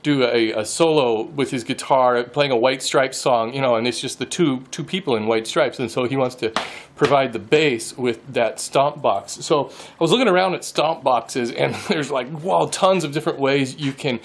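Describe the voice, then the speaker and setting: A man in his forties talks casually to a camera held at arm's length in his home wood shop. He is chatty and amused with himself, chuckles often, and keeps a relaxed, mid-pitched everyday voice. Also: normal speed. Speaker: woodworking channel host. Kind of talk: casual vlog chat. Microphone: handheld camera at arm's length.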